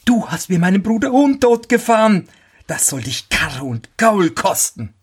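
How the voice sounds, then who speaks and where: A shrill vengeful sparrow. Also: male voice, sing-song, slow pace, breathy edge, exaggerated voice. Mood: furious. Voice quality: very high piping squeak. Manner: taunting, sing-song threats. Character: small vengeful male sparrow, shrill and spiteful.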